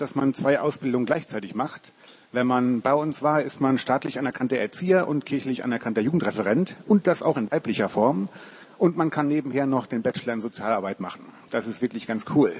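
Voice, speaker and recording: A man's voice: mid-range voice, a little mellow, slightly rough. A man, a Bible college lecturer, giving a casual, joking sermon to a youth group. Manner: chatty, informal, joking, says "cool" often.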